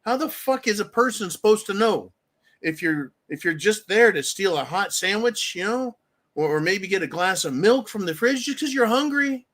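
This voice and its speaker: This livestream host has a high-pitched, animated voice that's a bit bright, moving at a moderate pace. His casual commentary is a blunt, profanity-laden rant, and he performs the voices of whoever he's describing.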